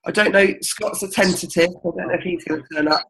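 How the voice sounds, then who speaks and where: A woman's voice: on the low side, fast, a bit bright, low-quality recording. A woman runs an indoor team meeting, chatty and upbeat. She fills gaps with ums and keeps the group going. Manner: chatty and encouraging, with many ums. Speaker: team leader. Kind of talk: casual team meeting talk.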